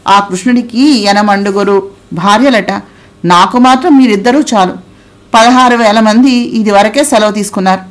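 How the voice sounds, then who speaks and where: A woman's voice: medium pitch, normal speed, natural voice. A woman voicing a confident young husband who talks in a breezy, smug, unruffled way, in an audio novel. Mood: teasing.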